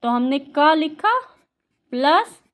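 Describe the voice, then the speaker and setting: A woman with a high voice gives a patient home lesson to a young child. She asks question after question and repeats each answer so the child follows along. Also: expressive, slow, a bit bright. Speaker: tutor teaching a child. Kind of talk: home tutoring, Hindi lesson.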